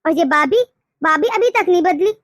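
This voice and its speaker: A woman's voice: extremely high pitch, animated, moderate pace, dry recording, clean studio sound. A woman voicing a grumbling, accusing sister-in-law in a cartoon story. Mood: resentful.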